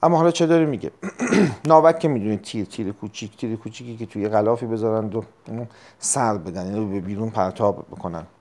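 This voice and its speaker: A man teaching a recorded test-prep lesson, explaining step by step, repeating key terms and clearing his throat often. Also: fairly low pitch, a little mellow. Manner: frequent throat clearing and hesitations.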